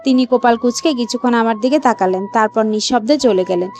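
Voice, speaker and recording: A woman narrating a first-person romance story in an expressive, dramatic reading. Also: fairly high pitch, fairly quick. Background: faint background music.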